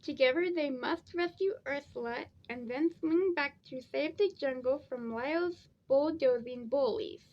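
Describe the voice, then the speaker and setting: A woman's voice: sits high, measured pace, few pauses, a little mellow, dull audio. A tired, sleepy woman rambling casually through a DVD review, repeating herself as she goes.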